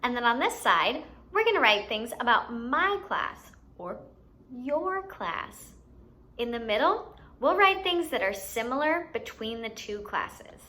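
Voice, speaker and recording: This children's teacher and show host speaks in a fairly high, bright, forceful voice with big pitch swings, never rushing. She explains things simply and expressively to young kids and asks the listener questions.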